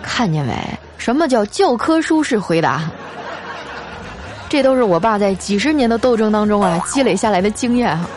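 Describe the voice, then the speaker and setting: A woman telling funny family stories in a lively, teasing, chatty manner. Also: medium pitch, normal speed, noisy background. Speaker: storyteller. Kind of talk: comedic storytelling.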